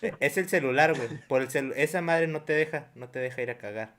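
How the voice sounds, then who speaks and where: A man's voice: on the high side, quick pace, a bit bright, slight background noise. A man from Mexico hosting a casual podcast with guests, joking in slang and laughing often. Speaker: podcast host. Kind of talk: casual chat.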